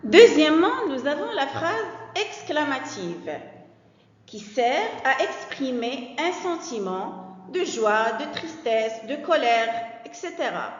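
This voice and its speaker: A woman teaching a grammar lesson to young children, with a clear, sing-song teacherly delivery that stresses key words. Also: high-pitched, fairly bright tone. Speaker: primary school teacher. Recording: dull lo-fi recording.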